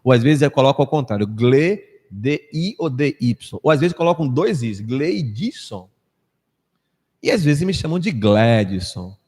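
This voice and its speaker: A Brazilian man in his fifties giving a storytelling lecture to a live audience, acting out quoted people and dropping to a hush at times. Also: big pitch swings, takes it slowly, slightly rough. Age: 50s. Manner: anecdotal, acts out quoted people with big pitch swings, drops to a hush. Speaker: spiritist lecturer. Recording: echoey hall reverb.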